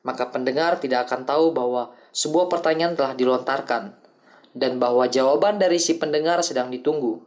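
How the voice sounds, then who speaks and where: A man reading the lines of an older male acting teacher who explains things calmly and patiently in an audiobook. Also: medium pitch, brisk, close to an everyday voice. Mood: instructive. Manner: calm, explanatory lecturing.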